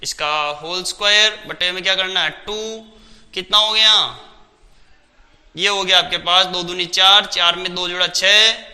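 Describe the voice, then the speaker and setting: A man's voice: sits high, steady tone, a little slow, pushed and bright, long reverb tail. A man teaching a maths lesson step by step, asking questions and answering them himself.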